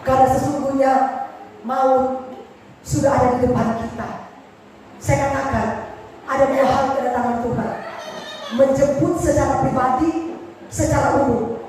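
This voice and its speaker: A woman pastor preaching a sermon with passion, swinging from soft pleading to shouted warnings. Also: high voice, steady tone, moderate pace, long pauses. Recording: echoey hall, mic far off, noisy.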